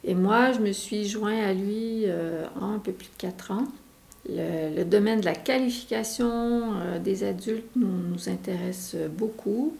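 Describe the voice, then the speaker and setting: A woman's voice: mid-range voice, a little slow, vocal fry, a little mellow. A middle-aged woman from Quebec with a Québécois accent, explaining her work as a guest in a radio interview, hesitant with many fillers and restarts. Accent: Québécois French. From Quebec, Canada. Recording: echoey room.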